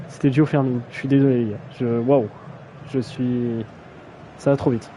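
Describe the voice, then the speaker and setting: A man's voice: mid-range voice, steady tone, normal speed, mellow, slight background noise, low-quality recording. A young man casually commentating a video game match on a live stream, slangy and self-mocking, often stumbling over player names.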